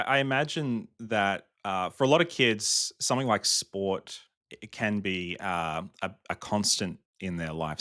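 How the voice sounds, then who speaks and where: Low-voiced male interviewer. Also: fairly bright tone. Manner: joking, friendly questioning. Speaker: interview host. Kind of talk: conversational interview.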